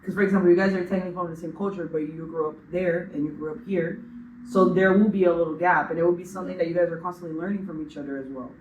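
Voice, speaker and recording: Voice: mid-range voice, steady tone, racing, a little mellow, lo-fi sound. A young podcast co-host from Brazil talks reflectively and at length, leaning on filler words. The mic sits well back in a roomy, echoing space with a faint hiss underneath. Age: young adult. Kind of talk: casual chat. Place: room in a school building. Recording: echoey room, distant mic.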